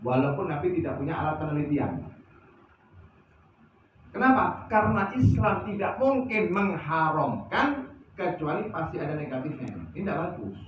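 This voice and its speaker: A man preaching at a religious study session, animated, asking rhetorical questions of his listeners. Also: sits high, slight background noise. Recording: echoey, distant, dull lo-fi sound.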